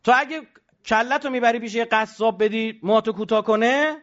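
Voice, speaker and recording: A man giving an animated religious lecture, emphatic and rhetorical, now and then mimicking the voices of others. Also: extremely high pitch, highs cut off.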